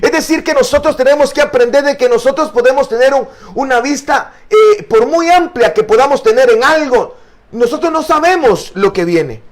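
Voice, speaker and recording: A man with a very high, expressive voice speaks at a moderate pace. He's a pastor leading a Bible study, earnest and explanatory, with lots of fillers and repeated words, and he calls his listeners "brother."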